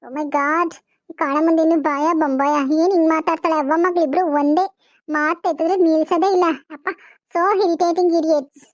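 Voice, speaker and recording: A woman's voice: extremely high pitch, steady tone, normal speed, no echo, dull audio. A woman voicing a snobbish young city woman who talks in a haughty, scolding manner in a cartoon. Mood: irritated. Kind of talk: cartoon voice acting.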